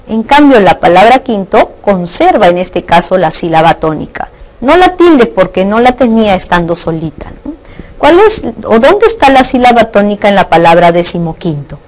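A woman's voice: medium pitch, a little mellow, low-quality recording. Woman from Peru, teacher, recorded online grammar lesson, patient, asks rhetorical questions. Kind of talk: online lesson on Spanish accent marks.

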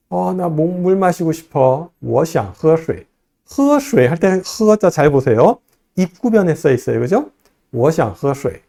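Lively Korean man teaching Chinese. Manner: reads Chinese lines slowly, then translates; acts out quoted lines in a higher, livelier voice. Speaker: Chinese language lecturer. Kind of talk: explaining an ad scene line by line.

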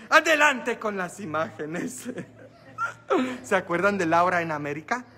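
Male priest, non-native speaker, slightly high voice, slow, joking, quizzing the congregation, echoey church. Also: very animated, bright, forceful tone. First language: not Spanish. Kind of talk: humorous sermon. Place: church, live-streamed Mass. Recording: long church reverb.

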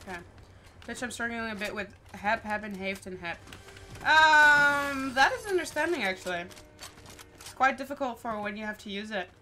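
A woman's voice: mid-range voice, brisk, sharp tone. A young Dutch woman with a Dutch accent, chatting casually and laughing while she streams a game and reads her chat aloud. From Netherlands. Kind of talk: casual gameplay livestream chatter. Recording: clear background noise.

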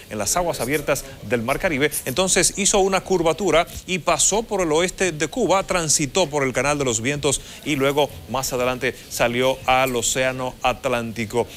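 A man's voice: fairly high pitch, a bit bright. A man explains the weather live in a formal, explanatory way as a TV forecaster. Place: TV studio. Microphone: lapel mic.

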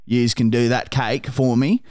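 An Australian-accented man plays a crude, pushy bogan on a prank call, loud and pleading, swearing constantly and calling everyone mate and brother. His mid-range voice has a darkish tone, little pitch movement and a slightly slow pace. The recording is clean studio sound with no echo, and the acting is light.

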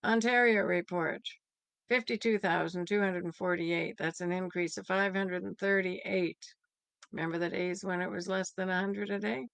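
An older woman giving a church's daily devotion from a home office, reading numbers and scripture in a plain, steady way over a webcam. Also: fairly low pitch, normal speed, vocal fry, no room sound. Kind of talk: daily devotional and local news update. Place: home office by a bright window. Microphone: webcam at desk.

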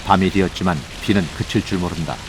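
A man narrating a scripted nature documentary in a measured, formal storytelling manner. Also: deep voice, fairly even intonation, background noise. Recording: voice over background music. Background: music.

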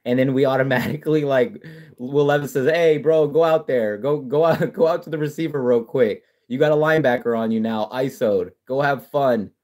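A man hosting a casual sports livestream, reading viewer comments and talking trash in a profane, excitable way with frequent restarts. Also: mid-range voice, moderate pace. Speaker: livestream host. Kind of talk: casual live-stream chat reading comments.

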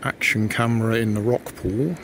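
A man's voice: fairly low pitch, normal speed. An older man chats casually and unhurriedly, vlogging outdoors on a windy seafront. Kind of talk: casual outdoor vlog commentary. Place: outdoors on a windy seaside breakwater. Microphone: handheld camera microphone. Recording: wind noise buffeting the microphone outdoors.

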